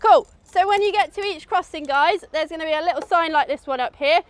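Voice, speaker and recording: With an extremely high voice and a brisk delivery, a British woman runs an informal safety briefing as an outdoor adventure course instructor, regularly checking the group is keeping up.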